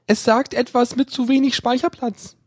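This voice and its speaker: A man voicing a sweet young woman student with a breathy voice who phones the help desk. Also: extremely high pitch, level tone, moderate pace, dry recording, clean studio sound, pitched above the performer's own voice.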